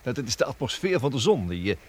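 An actor playing a knowledgeable man in a radio drama, explaining things in an animated way. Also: medium pitch, fast talker. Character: knowledgeable male companion, lecturing.

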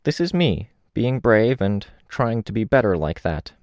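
A man's voice: on the low side, big pitch swings, unhurried, a little mellow, no room sound, pitched above the performer's own voice. A man voicing an earnest, chatty old woman on a train who rambles and confides.

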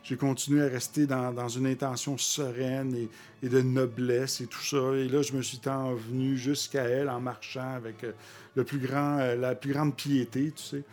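A man with a Québécois accent, a podcast guest recounting personal experiences in conversation, pausing often with fillers and restarting his sentences. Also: medium pitch, little pitch movement, darkish tone, soft background music. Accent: Québécois French. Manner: halting, with frequent fillers and restarts. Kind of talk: conversational storytelling.

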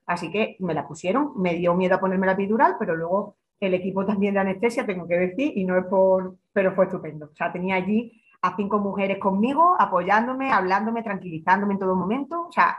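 A woman's voice: mid-range voice, fairly quick, few pauses, highs cut off. A young adult woman from Extremadura, a podcast guest who tells her story in a casual interview and acts out her own past words. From Extremadura, Spain.

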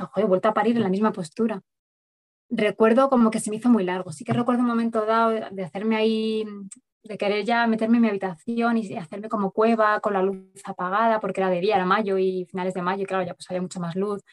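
A woman recounts her own story as an interview guest. She talks fast and chattily, filling her sentences with fillers as she goes. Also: mid-range voice. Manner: rapid, chatty, many verbal fillers. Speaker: guest mother recounting a home birth.

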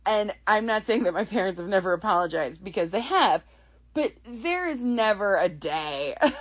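A woman's voice: medium pitch, fairly bright tone. A woman casually recapping a TV episode, chatty with frequent laughs, fillers and asides. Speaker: show reviewer.

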